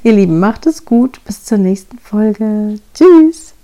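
A woman's voice: mid-range voice, normal speed, dark tone. A woman hosting a show, giving direct and reassuring parenting advice straight to her listeners. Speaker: parenting coach and podcast host.

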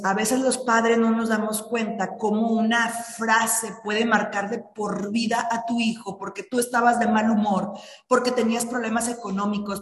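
A middle-aged woman giving an earnest motivational talk that addresses listeners directly. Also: medium pitch. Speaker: speaker on personal finance and habits. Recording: echoey room with long reverb.

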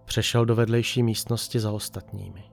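A man calmly reading a dark story aloud as narrator, in an even storytelling manner. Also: fairly low pitch, creaky, soft background music.

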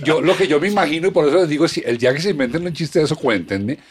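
A man's voice: on the high side, racing, slightly rough. A man with a Colombian accent in casual conversation, explaining ideas in a mock-philosophical way and acting out little quotes.

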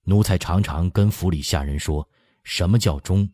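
A man's voice: deep voice, normal speed, dark tone, dry recording, studio quality. A man reading the part of a proud young noble general who earnestly confesses his faults, in a storybook reading. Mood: contrite. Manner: earnest, self-reproaching confession.

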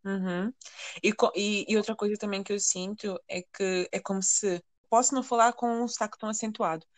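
A woman co-host chatting casually in a lively, emphatic way, quick to jump in. Her voice sits at a middle pitch. The room sounds dry and close. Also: no echo. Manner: animated, emphatic, quick to react. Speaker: podcast co-host. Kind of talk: casual conversation.

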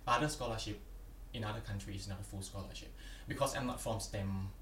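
A man's voice: lowish voice, a little fast, a bit bright. A young man from Thailand with a Thai accent, answering interview questions earnestly and plainly, often adding "yeah". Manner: earnest, plain phrasing with frequent "yeah" and "yep". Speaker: podcast guest, PhD candidate. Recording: roomy, distant from the mic, faint background noise.

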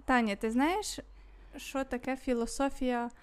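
Woman host, fairly high voice, casual, moves the chat on with questions. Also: unhurried, clear, resonant tone. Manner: steering the talk with questions. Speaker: podcast host.

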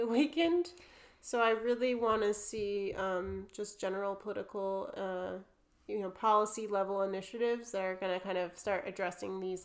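Young woman, New Jersey accent, podcast guest, chatty and relaxed, middle pitch. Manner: chatty, full of fillers, laughs easily. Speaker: artist guest. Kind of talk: casual podcast conversation.

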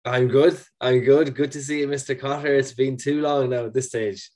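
A man's voice: medium pitch, fairly even intonation, normal speed, a little mellow. A man with a west of Ireland accent from County Mayo, talking casually and reflectively as an interview guest. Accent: Irish, County Mayo. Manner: reflective, conversational, peppered with "you know" and "man". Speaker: podcast guest. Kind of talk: casual interview, personal storytelling.

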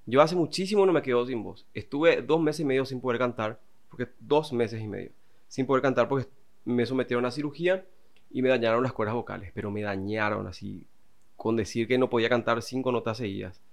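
A man's voice: mid-range voice, brisk. A man who teaches singing and voice, explaining vocal technique in a casual interview.

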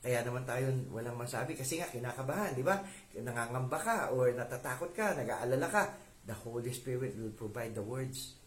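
A man's voice: mid-range voice, animated, fairly quick. Echoey man preaching casually. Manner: conversational, asks listeners to agree. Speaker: lay preacher. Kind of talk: informal sermon mixing Filipino and English. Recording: echoey room with faint background noise.

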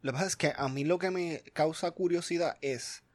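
A man's voice: a little high, a little fast. A man, casually chatting as a podcast co-host, thinking aloud with restarts and mixing in English words. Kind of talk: casual chat.

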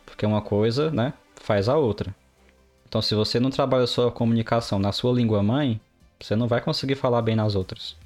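Animated man chatting. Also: mid-range voice, brisk, soft background music. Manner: animated storyteller, mimics others' phrasing. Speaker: podcast co-host, developer. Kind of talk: casual podcast chat.

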